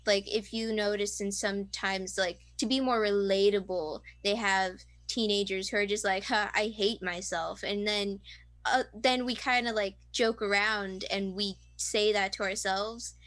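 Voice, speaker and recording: A woman's voice: mid-range voice, fairly even intonation, a little slow, a bit bright. A nineteen-year-old woman interviewed over a video call, rambling casually with lots of fillers and self-deprecating asides.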